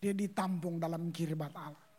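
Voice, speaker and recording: Animated, husky-voiced male preacher. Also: a little high, normal speed. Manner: animated storytelling with slang, acting out voices. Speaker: pastor. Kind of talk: sermon.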